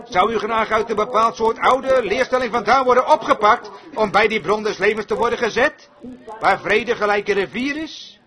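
A man's voice: high-pitched, moderate pace, pushed and bright. A man preaching a sermon to a congregation in a fervent, rhythmic cadence.

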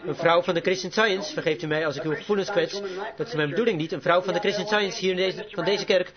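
High-pitched man preaching hard, emphatic, muffled old tape, congregation in the room. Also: quick pace, a crowd in the background. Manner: emphatic, rising to exclamations. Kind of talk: fervent sermon. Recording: lo-fi recording with live congregation.

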